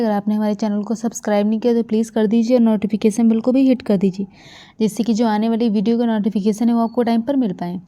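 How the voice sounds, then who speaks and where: A woman's voice: on the high side, warm tone. A woman from India giving a current affairs lecture for exam preparation, repeating key facts with frequent fillers. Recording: dull lo-fi recording.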